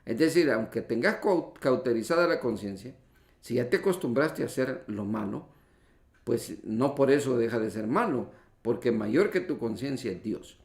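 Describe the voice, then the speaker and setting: Heard on an echoey church livestream, a man preaches in a church hall with a mid-range, expressive, darkish voice at a moderate pace. The pastor works through word meanings step by step, explains spelling rules like a teacher, and regularly calls his listeners brothers.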